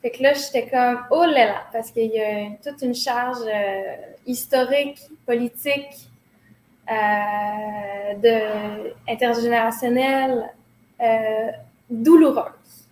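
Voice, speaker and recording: This interview guest is a choreographer from Quebec in her thirties, speaking with a Québécois French accent. Fairly high, steady and a little mellow, her voice moves slowly as she reflects with hesitation, fillers and restarts, captured in a roomy space with faint noise.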